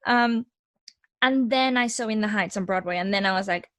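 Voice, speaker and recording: This is a young actress from Mexico, a guest in a relaxed interview conducted by video call. Her medium-pitched voice moves at a moderate pace in a dry, clean studio recording, and she talks frankly and lively, frequently starting sentences over.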